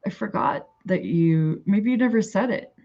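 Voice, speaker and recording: A woman with a Canadian accent chats casually on a livestream, rambling to her viewers, thinking aloud and answering chat. Her mid-range voice has lively intonation and a dark tone at a moderate pace. The recording sounds muffled.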